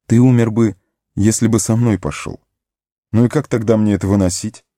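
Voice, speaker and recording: Man reading a burdened hobbit: low, warm, earnest, dry close sound. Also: steady tone, normal speed, no echo, natural voice. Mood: weary. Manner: earnest, tired, gently firm. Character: young male hobbit, weary, resolute, burdened. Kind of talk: audiobook character voice.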